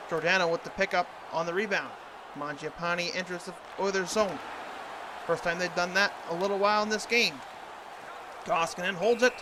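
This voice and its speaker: Guy doing tv announcer style hockey play by play for a video game, pretty high voice, noisy background. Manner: announcer impression, in the manner of a TV play-by-play caller. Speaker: sports commentator.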